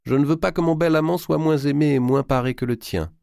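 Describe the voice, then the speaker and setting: A man's voice: mid-range voice, quick pace, a little mellow, breathy edge, no room sound, clean studio sound, voice pushed up, natural voice. A male reader voicing Blanche, a playful, pampered young princess, in a raised, cooing voice. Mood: coy.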